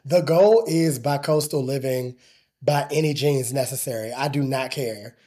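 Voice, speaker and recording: A man in his thirties with a hoarse smoker's rasp, co-hosting a podcast and telling stories in slangy, playful casual chat. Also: medium pitch, unhurried, warm tone. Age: 30s. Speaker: podcast co-host.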